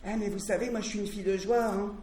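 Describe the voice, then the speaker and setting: A man's voice: sits high, fairly even intonation, fast talker, darkish tone, natural voice. A man playing a naive, dim-witted young female hairdresser who talks earnestly and gets indignant. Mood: naive chatter. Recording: roomy, distant, noisy stage recording.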